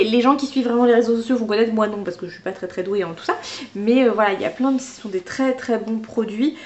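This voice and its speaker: A woman chats through an unboxing in a spontaneous, upbeat way. Her voice sits a little high. She talks like a teacher sharing her thoughts with her viewers. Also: muffled recording, a little hiss or hum. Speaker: vlogger and teacher. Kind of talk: casual unboxing chat.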